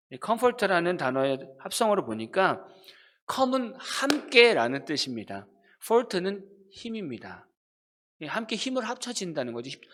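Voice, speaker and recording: A male pastor delivers a youth sermon in a bright, fairly high voice. His pitch leaps up and down as he speaks, and he keeps asking his listeners questions. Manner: animated, asks the listeners questions.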